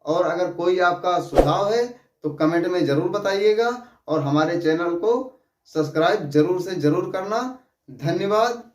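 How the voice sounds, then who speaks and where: A man teaching a lesson, speaking slowly and patiently, repeating syllables and asking rhetorical questions. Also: high voice, darkish tone. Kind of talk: classroom lesson on writing and pronunciation. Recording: echoey room, voice from a distance.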